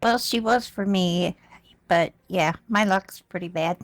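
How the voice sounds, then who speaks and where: A woman playing a friendly, down-to-earth gatherer who chats in a folksy, halting way in a role-play game. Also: on the low side, lightly acted. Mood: friendly, rambling. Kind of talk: improvised in-character role-play chat.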